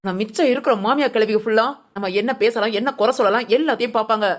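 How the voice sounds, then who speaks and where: A lightly acted, racing, mid-range voice brings to life an outspoken young woman in a cartoon family drama. Bossy and scornful, she bluntly tells her friend what to do.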